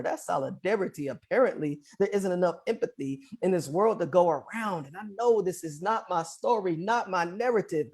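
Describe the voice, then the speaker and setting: This is a man with a high, gravelly voice reciting spoken word poetry. His delivery is earnest and emphatic, like a live open mic performance. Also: a little mellow.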